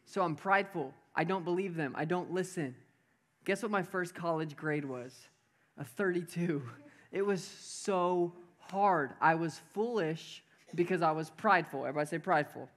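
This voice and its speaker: A young adult man, a pastor giving a lively sermon to a live crowd, telling playful stories and having the crowd repeat words. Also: a little high, moderate pace.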